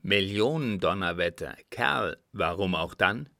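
A blustering old field marshal booms out blunt oaths in a low, gravelly voice, as a male reader puts him on. He speaks slowly and heavily. The storybook recording is close and dry. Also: lively intonation, no room sound, exaggerated voice. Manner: loud blunt outbursts and oaths.

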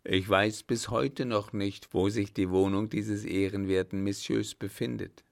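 Audiobook role: a man playing a cool, unflappable hunchbacked scholar, slow and gravelly. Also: on the low side, steady tone. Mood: calm. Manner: cool, polite, measured.

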